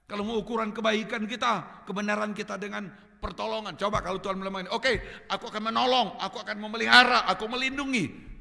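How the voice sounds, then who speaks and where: Gravelly preacher in a church hall. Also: male voice, fairly high pitch. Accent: Indonesian, North Sulawesi. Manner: animated preaching, swinging from quiet asides to loud emphatic peaks. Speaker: pastor. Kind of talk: sermon.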